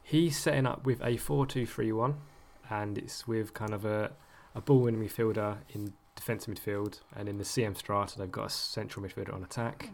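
A man's voice: fairly low pitch, fairly even intonation, brisk, vocal fry, few pauses, darkish tone. A man co-hosting a podcast, talking casually with lots of ums and easy laughs. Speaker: podcast co-host. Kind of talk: casual chat.

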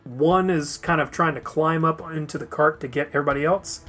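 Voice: medium pitch, fairly quick, fairly bright tone, soft background music. A game master running a tabletop role-playing session, narrating the action and laughing often.

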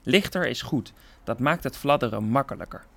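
A man's voice: medium pitch, expressive, moderate pace, creaky, a bit bright, no echo. A man voicing a small, hopeful female caterpillar who asks questions eagerly in a children's storybook reading.

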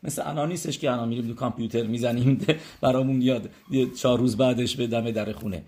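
A man's voice: medium pitch, steady tone, darkish tone. A man giving a religious lesson and telling a story in a conversational way, with frequent hesitations and rhetorical questions to his listeners. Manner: conversational, many hesitations and rhetorical check-ins. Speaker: religious teacher.

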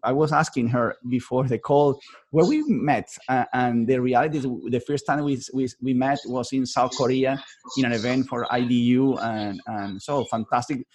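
Halting, friendly male interview host. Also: medium pitch, fairly even intonation, a little mellow. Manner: halting, repeats words, friendly. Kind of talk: online interview.

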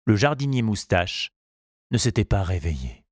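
Low-voiced man reading a storybook. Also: very animated, dry recording, studio quality. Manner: measured, unhurried. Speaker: narrator.

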